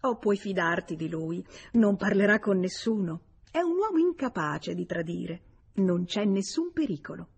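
A woman's voice: mid-range voice, expressive, normal speed, vocal fry, breathy edge. A woman reading an audiobook gives voice to a smug young man, a scheming lover who talks in a confiding, self-assured way. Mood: reassuring. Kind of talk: audiobook character voice.

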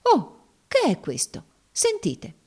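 A woman's voice: medium pitch, lively intonation, normal speed, voice pushed up, close to an everyday voice. Woman reading as scornful mocking Cassie. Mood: mocking, taunting. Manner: scornful, sneering. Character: cold, mocking woman taunting her master. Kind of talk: dramatic audiobook reading.

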